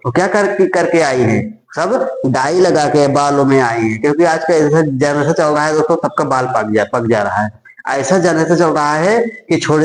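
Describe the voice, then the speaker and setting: A man's voice: fairly high pitch, echoey room, rough recording. A man teaching memory tricks for a psychology exam, repeating himself and asking and answering his own questions. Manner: repetitive, addresses viewers as friends, asks and answers his own questions.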